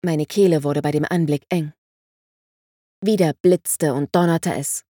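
A woman narrating a fantasy audiobook in the first person, with steady, expressive storytelling. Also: sits low, a little slow, no echo, studio quality.

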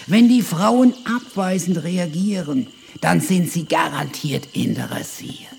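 A man's voice: sits high, measured pace, gravelly, a little hiss or hum, voice pushed up, full character voice. A man doing a brash boastful jungle brute. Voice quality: swaggering, loud and brash.

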